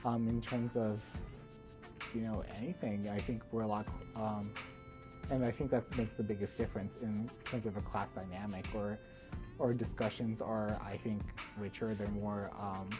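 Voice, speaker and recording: Very low-voiced female student, music behind. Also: steady tone, moderate pace. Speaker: college student. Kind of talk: documentary interview. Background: background music.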